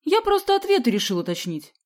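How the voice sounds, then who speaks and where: A woman's voice: mid-range voice, lively intonation, normal speed, warm tone, lightly acted. A woman voicing a cocky schoolboy who mocks his friends in a boastful tone. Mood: defensive. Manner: boastful, mocking. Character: cocky teasing schoolboy Sidyakin.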